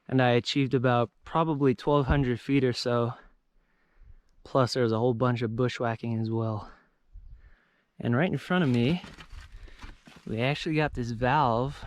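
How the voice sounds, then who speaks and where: A young man narrating to his viewers in a casual, chatty way while out on a remote mountain slope. His voice sits at an ordinary middle pitch, and he walks through each thing he finds with easy explanations. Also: no echo. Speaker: outdoor explorer and vlogger.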